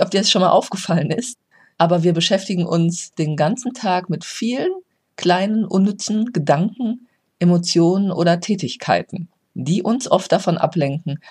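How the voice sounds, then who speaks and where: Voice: mid-range voice, darkish tone, breathy edge. A life coach giving an earnest motivational talk, speaking directly to the listener.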